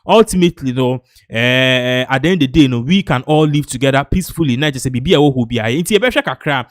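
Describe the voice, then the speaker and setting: A Ghanaian man with a Ghanaian accent presenting online news commentary, switching between Twi and English in an animated, repetitive way. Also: medium pitch, quick pace, dry recording, clean studio sound.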